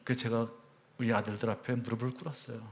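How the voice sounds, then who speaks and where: A man in his fifties, a church elder, telling his personal testimony with earnest storytelling, his voice swelling high at emotional peaks and dropping to a hushed near-whisper at tender moments. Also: flat delivery, quick pace, creaky, slight background noise.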